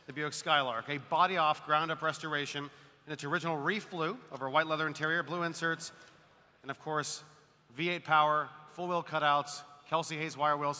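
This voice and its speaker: A man's voice: on the high side, steady tone, a little fast, sharp tone. A man working as an auction announcer, presenting lots in an emphatic, promotional salesman's style. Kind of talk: promotional lot description. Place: large auction hall. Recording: reverberant hall.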